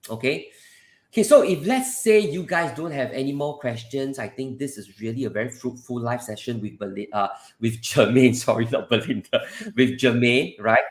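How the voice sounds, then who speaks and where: A man's voice: mid-range voice, normal speed. Singaporean man hosting in an echoey room. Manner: repetitive, conversational, often addresses listeners directly. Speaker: live session host and property adviser. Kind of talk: casual live-stream advice. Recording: roomy, echoing sound.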